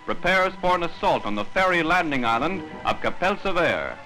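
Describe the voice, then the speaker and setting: A man's voice: a little high, expressive, rough recording. Wisecracking 1940s newsreel announcer, man. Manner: brisk, wisecracking announcer delivery. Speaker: newsreel narrator. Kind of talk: 1940s wartime newsreel narration. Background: music score.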